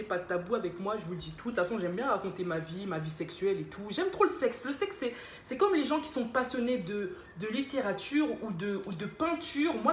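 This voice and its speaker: A woman's voice: mid-range voice, a bit bright. Casual YouTuber, young woman, playful and chatty, roomy echo, faint hum behind. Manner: chatty, playful, self-mocking. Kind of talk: casual Q&A vlog. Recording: echoey room with faint ambience.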